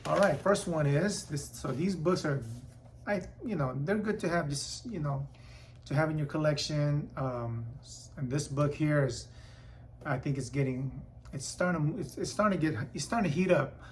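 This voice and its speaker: A hoarse man who keeps clearing his throat, chatting casually and rambling as a comic book vlogger. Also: on the high side, moderate pace, slight background noise. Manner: rambling, repeats and restarts words. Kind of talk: casual vlog chat.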